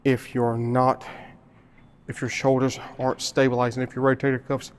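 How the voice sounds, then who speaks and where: A man's voice: medium pitch, monotone, moderate pace. Man, gym vlogger, out of breath, repeats key points, mid-range voice, camera mic in a gym. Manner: explains with repetition, grunting effort between sets. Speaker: fitness vlogger. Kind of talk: casual gym explanation.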